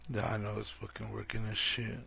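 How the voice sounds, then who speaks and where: A drunk man with a gravelly voice rambles reflectively in loose, sweary street slang, like a streamer talking casually to viewers. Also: lowish voice, level tone, fairly quick, sharp tone. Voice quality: gravelly, fry-laden voice. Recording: dull lo-fi mic, music behind. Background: music.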